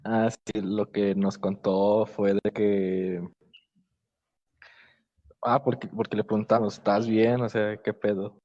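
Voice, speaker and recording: A young man, co-hosting a podcast in laid-back, slangy casual chat with some halting restarts. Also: on the low side, little pitch movement, mellow. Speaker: podcast co-host. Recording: dull lo-fi podcast audio.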